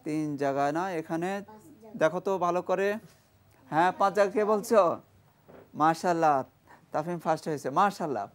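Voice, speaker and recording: A man's voice: fairly high pitch, a bit bright. A man with a Bangladeshi Bengali accent teaching Quran reading on a TV studio show, quizzing pupils, praising right answers and drilling syllables for them to repeat. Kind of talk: studio quiz lesson with a class.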